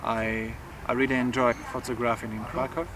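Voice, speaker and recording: A man from southern Poland with a Polish accent, a photographer talking haltingly in an interview, often restarting words. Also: mid-range voice, level tone. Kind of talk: interview talk. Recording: distant mic with clear background noise.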